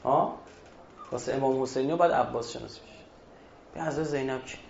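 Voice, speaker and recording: A man preaching a religious sermon at a mourning gathering, moving between hushed storytelling and loud, emphatic exhortation. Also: mid-range voice, gravelly, a little hiss or hum. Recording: echoey dull hall recording.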